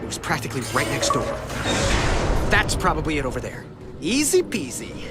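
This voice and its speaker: High-pitched, animated young American superhero. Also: male voice, fairly quick. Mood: wry. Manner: sarcastic, quipping. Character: young male superhero, wisecracking, harried, brave. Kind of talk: animated video game voice acting. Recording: loud music behind the voice.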